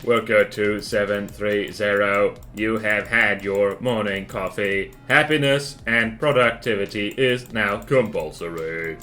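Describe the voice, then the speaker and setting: A man's voice: lowish voice, unhurried, few pauses, pushed and bright, faint music behind. A man doing a robot voice as a cold dystopian manager who barks clipped orders at workers. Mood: commanding. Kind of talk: mock robot impression while drawing.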